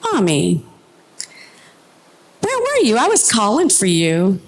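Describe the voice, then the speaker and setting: A woman voicing a frightened, then sweet, small boy with a high childlike voice. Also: huge pitch swings, slow pace, full character voice. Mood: gentle.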